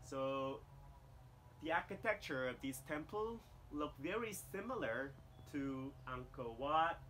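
A Cambodian tour guide in his thirties, a native Khmer speaker, explains a temple to the camera in careful non-native English. His medium-pitched voice is bright and forceful. He's outdoors among jungle temple ruins, with slight background noise.

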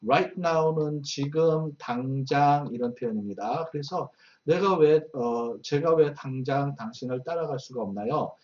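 A man's voice: a little high, unhurried, a little mellow. A man teaching an English Bible lesson, patiently explaining and translating phrase by phrase. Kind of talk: verse-by-verse language lesson. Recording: distant, dull lo-fi mic.

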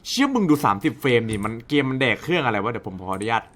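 A man's voice: mid-range voice, very animated, very fast, a bit bright. A young man casually commenting on a horror game, swearing a lot and shrieking and laughing at the scares. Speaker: gaming YouTuber. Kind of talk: horror let's play commentary.

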